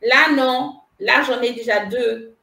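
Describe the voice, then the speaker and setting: A woman's voice: on the high side, slow pace, vocal fry, echoey room. A woman casually telling a personal story as a guest, repeating herself and laughing as she goes. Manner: animated, repeats phrases, laughs while telling. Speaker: spiritual medium guest.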